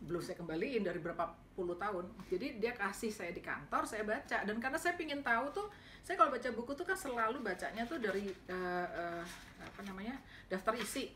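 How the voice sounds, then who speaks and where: Woman, middle-aged, lecturer, casual storytelling, animated, bright tone, faint background noise. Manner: animated, acts out dialogue with sharp pitch jumps. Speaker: university lecturer. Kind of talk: casual storytelling talk to students.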